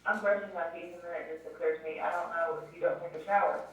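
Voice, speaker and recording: A man's voice: a little high, fairly even intonation, quick pace. A man on the outside of a recorded jail phone call, chatty and teasing. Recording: echoey call recording from far off.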